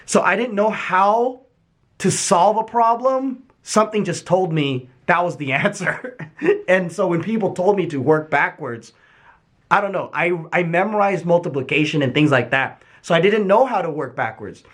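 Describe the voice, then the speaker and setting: Profane, animated high-voiced man. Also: normal speed. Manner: candid and profane, animated retelling. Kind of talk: casual storytelling monologue.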